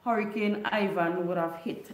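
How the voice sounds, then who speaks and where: Into a desk microphone on a stand, a middle-aged woman from Grenada hosts a chatty livestream from her neon-lit living room, retelling a folk story and reading what viewers write, in a Grenadian Creole English accent. Her voice is fairly low and steady at a moderate pace; the recording is rough and roomy.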